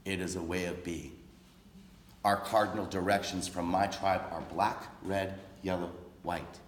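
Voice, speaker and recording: Slow, solemn man speaking to a crowd. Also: low-pitched, little pitch movement, reverberant, a little hiss or hum. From raised on a reservation in the United States. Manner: slow, deliberate, solemn delivery with long pauses. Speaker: speaker at a public gathering. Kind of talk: impassioned public speech.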